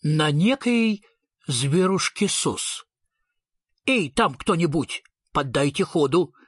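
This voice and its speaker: A pompous, nervous storybook king with a raised, jumpy voice, put on by a man. He talks royally of himself as "we", husky and dry in tone. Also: on the high side, lively intonation, slow, no echo, heavily acted. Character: fussy nervous king, pompous and high-strung.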